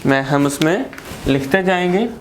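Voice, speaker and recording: A male teacher with a Pakistani accent, his voice sitting a little high for a man. He works through a classroom grammar lesson slowly, repeating words and asking questions he then answers. A faint hiss of noise runs under the recording. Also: lively intonation.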